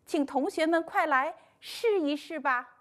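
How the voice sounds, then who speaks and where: A woman teaching a first-grade class in a scripted online lesson, speaking slowly in a sing-song, encouraging way. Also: sits high, a bit bright. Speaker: primary school teacher.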